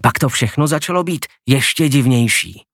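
Audiobook narrator, male, expressive, mid-range voice, dry close recording. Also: mid-range voice, no echo. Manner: expressive, acts out the characters.

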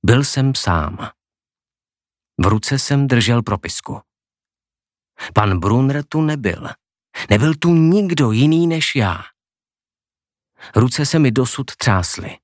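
Audiobook narrator, male, expressive, mid-range voice, dry close recording. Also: medium pitch, no room sound. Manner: expressive, acts out the characters.

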